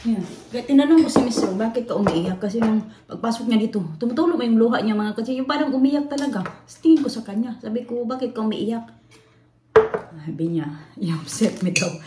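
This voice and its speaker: A woman's voice: a little high, brisk. A woman from the Philippines chatting casually in a rambling home vlog, full of fillers and restarts. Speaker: vlogger. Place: at home in a room. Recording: echoey room, faint noise.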